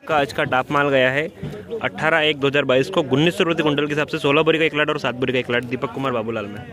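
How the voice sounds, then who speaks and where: A man's voice: mid-range voice, steady tone, quick pace, a bit bright. A young man, hosting a farm market price report in a repetitive, filler-laced delivery, recorded outdoors on a phone. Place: outdoors in an open produce market yard. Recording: outdoor market noise, vehicles.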